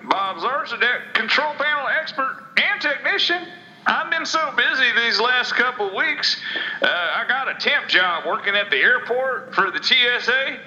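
A man's voice: very high-pitched, pushed and bright, roomy sound, highs cut off, slight background noise. Give me a man leaving a rambling, joking voicemail over a landline phone. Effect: voicemail played over a landline phone.

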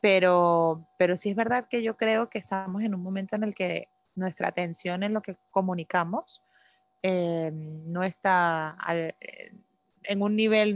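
A woman's voice: lowish voice, no room sound. Reflective Spanish woman, close dry sound. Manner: reflective, explains ideas at length. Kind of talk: casual conversation.

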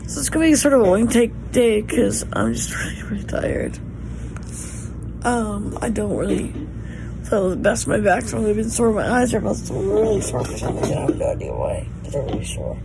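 A woman's voice: big pitch swings, normal speed, gravelly. A woman with a Southern US accent chatting casually to viewers as a family vlogger, in a drawling, folksy, encouraging way. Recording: noisy handheld recording with vehicle rumble.

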